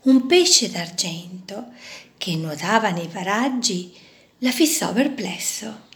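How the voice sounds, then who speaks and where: A woman reading a children's story aloud in an expressive, animated way, pointing out a drawing to listeners. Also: mid-range voice, slow pace.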